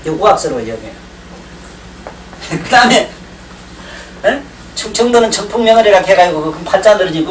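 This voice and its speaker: A man giving a classroom lecture on Chinese classics, rambling and joking and often checking in with his class. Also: sits high. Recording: roomy 1990s lecture tape, distant mic, faint hiss.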